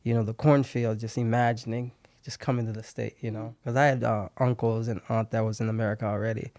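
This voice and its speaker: A man's voice: fairly low pitch, flat delivery, quick pace, a little mellow, no echo. A man in his thirties from Haiti, a guest chatting easily in an interview, laughing often and restarting his sentences. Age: 30s. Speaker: podcast guest. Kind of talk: casual interview chat.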